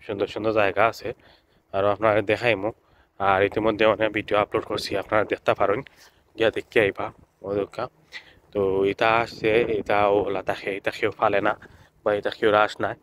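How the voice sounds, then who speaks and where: A man with a Sylheti accent talks casually in a slightly low voice while filming outdoors by a lake, repeating himself and filling pauses. There is a faint hum of open air behind him. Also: fairly bright tone. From Sylhet, Bangladesh. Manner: chatty, repetitive, with many filler sounds. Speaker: vlogger. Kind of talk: casual vlog narration.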